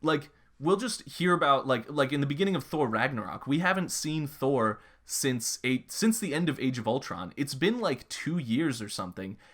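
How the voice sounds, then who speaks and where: A man's voice: medium pitch, expressive, normal speed, few pauses, fairly bright tone. A young man co-hosting a casual podcast chat, rambling with frequent restarts and fillers. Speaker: podcast co-host.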